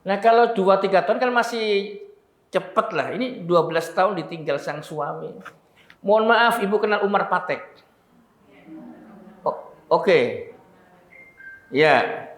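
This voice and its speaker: A man's voice: high voice, very animated, a little slow, pauses often, fairly bright tone. A man giving a religious lecture, telling emotional stories and talking straight to the audience. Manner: conversational, addresses audience directly, emotional storytelling. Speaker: preacher. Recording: echoey room.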